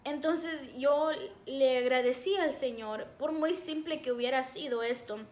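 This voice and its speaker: A young woman with a high voice shares a personal faith testimony in an earnest, halting way, pausing often on fillers. Her voice rings in an echoey room. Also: a little mellow. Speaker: devotional speaker.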